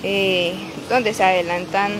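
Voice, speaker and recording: A woman reporting live from a city street as a local news reporter, pausing often with filler sounds. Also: medium pitch, fairly even intonation. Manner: halting, many filler "eh"s. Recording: street noise behind the voice. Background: traffic and street noise.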